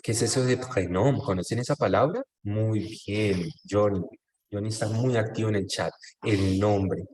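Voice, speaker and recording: Lowish and a little mellow, this man's voice moves at a moderate pace, with some faint background noise. He's a patient online French teacher on a video call, explaining in Spanish sprinkled with French and often using tag questions to confirm students follow.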